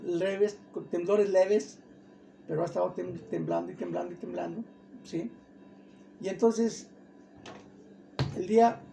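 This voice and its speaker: A man's voice: high voice, vocal fry, dark tone, slight background noise. A middle-aged man preaching a fervent sermon, asking his listeners questions and repeating words for emphasis.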